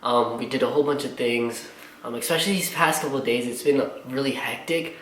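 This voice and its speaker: A young man talks earnestly to camera as a pharmacy student, rambling through his thoughts with plenty of fillers. He sounds a little out of breath, his voice sits at a middle pitch, and the room around him is echoey with faint background noise. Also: a little fast, a bit bright. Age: young adult. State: slightly out of breath. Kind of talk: casual vlog talk to camera.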